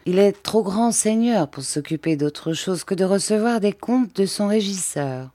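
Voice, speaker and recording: A woman's voice: mid-range voice, lively intonation, measured pace, dark tone, no echo, voice pushed up, close to an everyday voice. A woman reading the lines of a gloomy, bitter middle-aged count who talks in a curt, sour, self-justifying way. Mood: dismissive.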